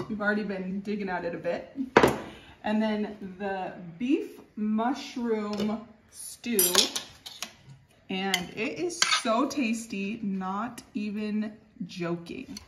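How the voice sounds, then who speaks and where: A woman's voice: mid-range voice, slow pace, very noisy. A woman vlogging casually at a home dinner table, chatting in a rambling way with lots of fillers. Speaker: cooking vlogger. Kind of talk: casual chat. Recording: clattering dishes at a family meal. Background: clinking dishes and cutlery.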